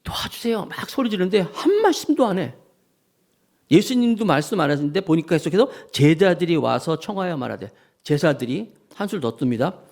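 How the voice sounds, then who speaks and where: A man preaching a sermon as senior pastor, animated and acting out scripture scenes, leading the congregation in call-and-response. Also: on the high side, a little fast.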